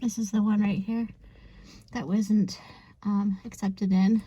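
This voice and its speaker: A woman's voice: mid-range voice, flat delivery, slow pace, warm tone, a little hiss or hum. A woman homesteader talking casually to her camera while doing chores outdoors in the cold. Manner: chatty, talks while doing chores, laughs and sighs. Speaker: homesteader vlogger. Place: outdoors and in a chicken coop on a farm in extreme cold.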